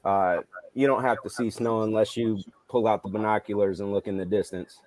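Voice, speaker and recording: A man's voice: fairly low pitch, fairly even intonation, fairly quick, a little mellow, poor audio. A man chatting casually as a guest on a video call. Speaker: guest on a car chat show. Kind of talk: casual chat. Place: indoor room on a video call.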